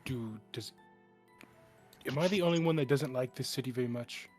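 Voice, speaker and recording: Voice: mid-range voice, moderate pace, a little mellow, faint music behind. A tabletop game player who stammers through questions and laughs often. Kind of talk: casual chat at a game table.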